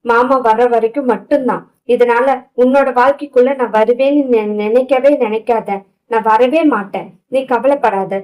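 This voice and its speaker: A woman reading an audio novel, voicing a frightened, tearful young wife who pleads in drawn-out words. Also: on the high side, a little mellow, lightly acted, poor audio. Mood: reassuring.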